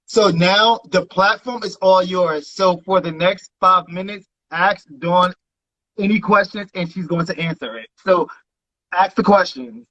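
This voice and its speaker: A woman's voice: on the low side, a little slow, fairly bright tone, muffled recording. A woman hosting a casual live-stream interview, encouraging and supportive, prompting the audience to ask questions. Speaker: host.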